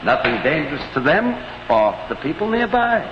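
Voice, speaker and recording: A man's voice: on the high side, very animated, moderate pace. An actor playing a firm, by-the-book American factory foreman in a 1940s instructional film. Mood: patient, explaining. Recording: muffled, noisy, reverberant old film soundtrack.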